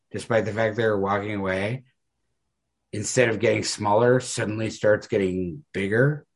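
A podcast co-host with a fairly low, somewhat dark voice walks through a story in a casual, analytical way. He rambles and stresses his points, sprinkling "like" throughout.

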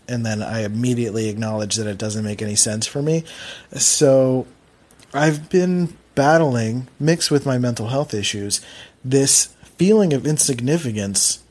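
A man's voice: medium pitch, darkish tone, breathy edge. A man from Philadelphia with a Philly accent, hosting a casual solo podcast in a rambling, self-deprecating way. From Philadelphia, USA. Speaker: podcast host.

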